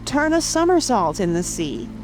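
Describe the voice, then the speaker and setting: A woman playing a melancholy, sentimental sea turtle creature in a dramatic audiobook, with a slow, mournful delivery. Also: medium pitch, very animated, natural voice. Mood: excited. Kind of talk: full-cast dramatic audiobook reading. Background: soft rain ambience and music.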